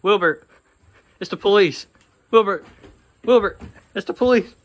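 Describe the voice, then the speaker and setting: A man's voice: sits high, measured pace. A man playing a nosy, exasperated friend who keeps pleading with the homeowner, in a comedy skit. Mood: urgent. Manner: pleading, exasperated, calls out names. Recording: loud background noise.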